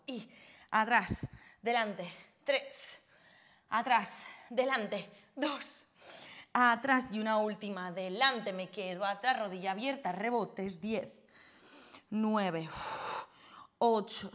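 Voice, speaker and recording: A woman's voice: a little high, fairly bright tone. A young woman fitness instructor cueing a floor workout with counts, short puffs of breath, and out of breath as she exercises along.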